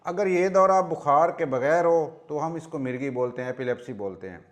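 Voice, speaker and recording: A man, a pediatrician giving a calm, measured health talk and listing points one by one. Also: a little high.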